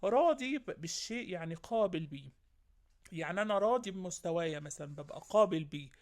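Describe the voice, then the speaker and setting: A woman's voice: on the low side, animated, fast. A woman with an Egyptian accent teaching a primary school vocabulary lesson. She lists synonyms and keeps checking in with her young pupils. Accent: Egyptian Arabic.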